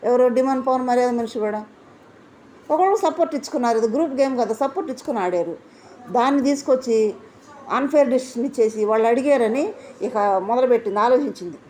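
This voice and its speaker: A woman with a somewhat high voice delivers an opinionated reality show review. She speaks with indignation and throws out one rhetorical question after another. She hammers her points home by repeating them. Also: fast talker, mellow, slight background noise.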